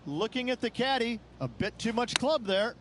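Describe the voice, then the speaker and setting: A man's voice: very high-pitched, lively intonation, normal speed. A man voicing an enthusiastic golf commentator who gives descriptive analysis. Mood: enthusiastic, explanatory. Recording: clear outdoor background noise.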